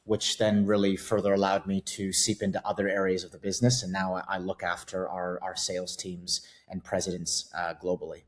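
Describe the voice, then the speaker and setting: Speaking low and level, the middle-aged Canadian finance executive moves briskly through his podcast interview with few pauses. As the guest CFO, he stays casual, leans on fillers, and often jokes at his own expense.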